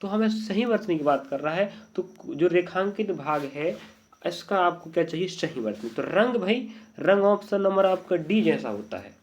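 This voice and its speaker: A man's voice: sits high, lively intonation, normal speed. A man teaching an exam-prep spelling lesson, checking often that his students follow. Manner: repeated checking questions to students. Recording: dull lo-fi audio.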